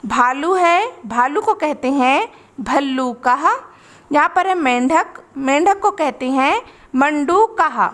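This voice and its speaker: A woman's voice: high-pitched, animated, fairly bright tone. A woman tutor, explaining a lesson and carefully pronouncing words one by one. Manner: slow, careful word-by-word pronunciation drills.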